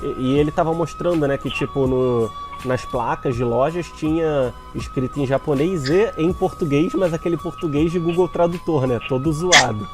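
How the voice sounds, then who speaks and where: Higher-voiced male podcast host. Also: moderate pace, hardly any pauses, over music. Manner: relaxed, reacts with short affirmations. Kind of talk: casual interview chat.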